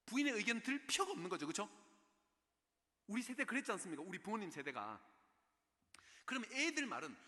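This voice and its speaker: A man with a high-sitting, sharp voice gives a special parenting lecture at a church in Seoul, often checking in with the audience through rhetorical questions. The sound echoes through the church hall.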